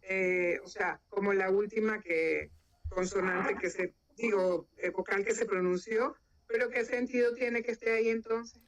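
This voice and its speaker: A woman's voice: medium pitch, little pitch movement, measured pace, muffled recording, a crowd in the background. A woman taking part in an online class, asking questions hesitantly and searching for her words with many fillers. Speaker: student. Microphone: video call.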